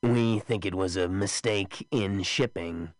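A man voicing a menacing inhuman creature in a yellow coat, with a buzzing voice and slow, cold, measured speech. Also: low-pitched, no room sound, clean studio sound. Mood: cold menace.

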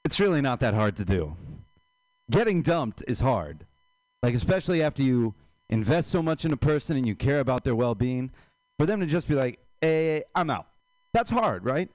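A male comedian works through a stand-up set at a club in a loose, conversational manner. His pitch moves around a lot, and the sound is close and dry. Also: very animated, normal speed, darkish tone, no echo, poor audio. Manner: conversational, trying out new material.

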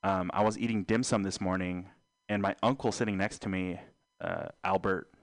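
A young man hosting a casual podcast, low-voiced and deadpan, drifting from one absurd joke to the next with trailing fillers. The sound is dry and close, with no room echo at all. He rambles rather than performs. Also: moderate pace. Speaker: podcast host.

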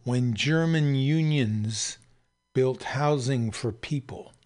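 A man hosting a radio show, reading aloud and commenting in a deliberate, emphatic way. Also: mid-range voice, darkish tone. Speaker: radio host.

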